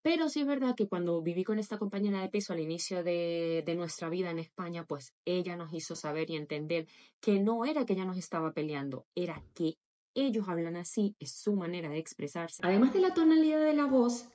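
A young woman from Latin America, chatting casually to her followers in a vlog and acting out quoted voices with lively expression. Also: on the low side, fairly quick. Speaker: vlogger.

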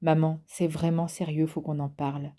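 A woman voicing an angry teenage schoolboy in an audiobook, talking in an urgent, bitter way, in a low, mellow voice. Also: flat delivery, moderate pace, lightly acted. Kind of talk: audiobook character reading.

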